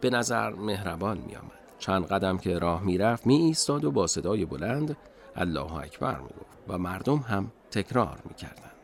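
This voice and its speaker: A man narrating a children's radio storybook slowly and expressively. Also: on the low side, expressive.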